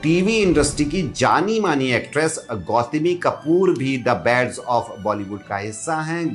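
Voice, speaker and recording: A man reading a scripted entertainment news roundup in an upbeat, gossipy way. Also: mid-range voice.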